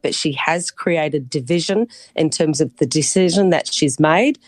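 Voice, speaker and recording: A woman's voice: sits low, a little slow, no echo. A woman with a broad New Zealand accent giving a chatty, articulate and emphatic sports report as a commentator on a live radio cross.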